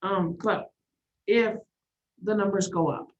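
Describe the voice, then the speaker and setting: A woman's voice: mid-range voice, steady tone, takes it slowly, slight background noise. A woman school board member thinking aloud and asking questions during a meeting. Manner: thinking aloud, frequent affirming murmurs. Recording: dull meeting audio.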